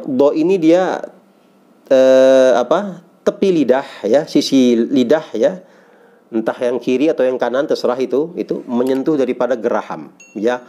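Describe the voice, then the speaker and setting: A man's voice: medium pitch, warm tone. A middle-aged Indonesian man teaching Quran letter pronunciation, patiently sounding out syllables again and again for beginners. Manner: patient, repeats syllables slowly for learners.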